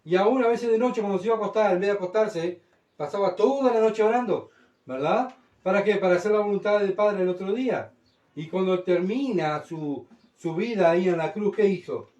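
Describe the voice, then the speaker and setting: Guy preaching, high voice, keeps asking the people questions, echoey room and mic kinda far. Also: fairly quick, darkish tone, lo-fi sound. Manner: conversational, asks the congregation questions. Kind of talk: sermon.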